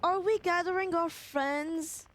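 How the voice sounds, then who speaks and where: A woman's voice: very high voice, takes it slowly, a bit bright. A young woman streaming a game, musing aloud and asking herself questions as she plays. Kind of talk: casual gameplay commentary.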